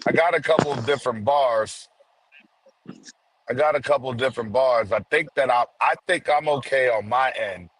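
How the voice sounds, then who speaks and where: A man's voice: medium pitch, normal speed, a bit bright, husky, dry recording, poor audio. A man hosting a casual livestream on a video call from the countryside, his voice cutting in and out over a bad connection. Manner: casual, talks to the chat as family. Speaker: host. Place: rural area.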